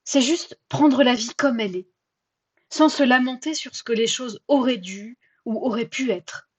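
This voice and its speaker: A woman hosting a personal podcast, telling her own story in a chatty, self-mocking and expressive way. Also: fairly high pitch, a little slow, slightly rough. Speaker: podcast host.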